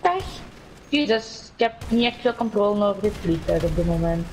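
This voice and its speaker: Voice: mid-range voice, expressive, moderate pace, darkish tone, a little hiss or hum. A gamer chatting casually and playfully during a match against a friend, mixing in English slang. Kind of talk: casual gameplay chat.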